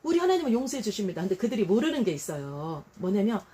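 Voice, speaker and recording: Woman, middle-aged, preacher, devotional Bible talk, warm dark tone, lively conversational delivery. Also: mid-range voice, fast talker. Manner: animated, acts out quotes in a raised voice; conversational, with fillers and rhetorical questions.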